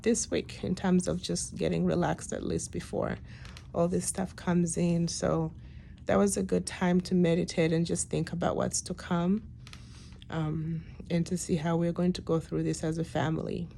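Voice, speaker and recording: A woman in her late thirties talks reflectively to her viewers, sounding weak and worn out after surgery. Her voice is on the low side, soft-toned and mellow, with a lot of vocal fry. She speaks casually and hesitantly, letting phrases trail off. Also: level tone, normal speed. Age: late 30s. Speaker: patient giving a personal health update. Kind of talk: casual video diary. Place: hospital room. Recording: noticeable background room noise.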